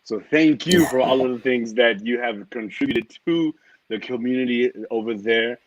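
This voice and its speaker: A man moderates a faith panel, asking friendly, lively questions as a youth minister. His voice comes through a video call, distant and muffled, in a dead-dry sound with no room echo. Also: medium pitch, moderate pace. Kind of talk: hosting a panel interview.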